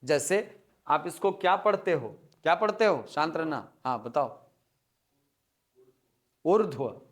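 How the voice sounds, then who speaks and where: A man teaching Hindi spelling to a classroom, breaking words into letters slowly and often asking if students follow. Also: on the high side, lively intonation, fairly bright tone. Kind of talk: classroom lecture.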